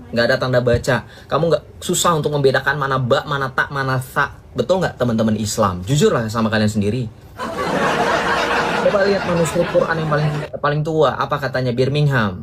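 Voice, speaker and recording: A man's voice: mid-range voice, a little hiss or hum. Mocking, combative male religious teacher. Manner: mocking and combative, chuckling at his own jabs; challenges listeners with rhetorical questions. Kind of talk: polemical monologue to viewers.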